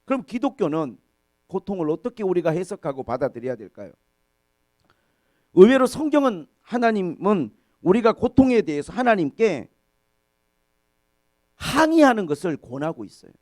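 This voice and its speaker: A man's voice: high voice, sing-song, normal speed, long pauses, a little mellow, dry recording. A male pastor delivering a sermon in a church, his voice rising sharply on points of emphasis.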